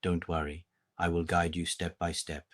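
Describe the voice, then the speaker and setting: Speaking slowly and clearly in a deep voice, an Italian man with a matching accent teaches a beginner language lesson. His manner is calm, measured and patient, and the recording has studio quality with no room sound.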